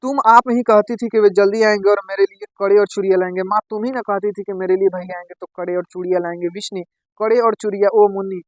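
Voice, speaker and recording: A man's voice: sits high, level tone, quick pace, dry recording, rough recording. A man teaching, reading a play aloud line by line and explaining each part in plain words. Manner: reads lines aloud, then explains them in plain words.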